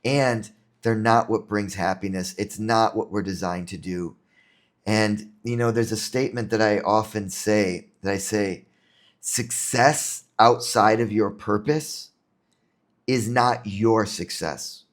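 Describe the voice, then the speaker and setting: A man's voice: fairly low pitch, takes it slowly. A man from New York, an entrepreneur talking as a podcast guest in an earnest, reflective way, often repeating words as he thinks. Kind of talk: casual interview talk.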